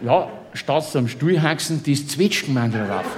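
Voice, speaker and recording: A man's voice: medium pitch, lively intonation, unhurried, very noisy. A man with a Bavarian accent telling a comic story in dialect, laughing through it and tossing chummy asides to the listener. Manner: boisterous, keeps laughing through his own tale.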